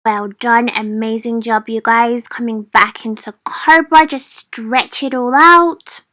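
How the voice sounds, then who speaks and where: A woman's voice: a little high, fairly even intonation, slow pace, over music. A woman fitness instructor guiding viewers through a workout in an informal, encouraging, motivational way. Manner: addresses listeners informally as a group.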